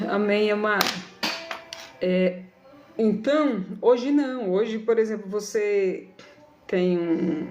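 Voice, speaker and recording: A woman in her thirties talks to her live-stream viewers in a casual, affectionate way, calling them dear as she gives her advice. Her voice sits at a middle pitch. There is a roomy echo around her, with faint music behind. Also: a little mellow. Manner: affectionate, preachy, calls viewers "amada". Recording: echoey room with faint music.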